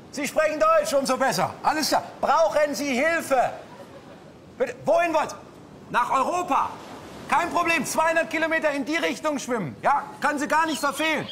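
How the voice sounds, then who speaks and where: A man's voice: very high voice, a bit bright, slight background noise. A man playing a smug male cruise passenger in a breezy, self-satisfied tone.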